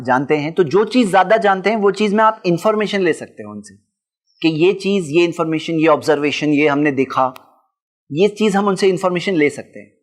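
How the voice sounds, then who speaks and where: A man giving a religious talk and answering audience questions, explaining his points through lists of examples. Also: high voice.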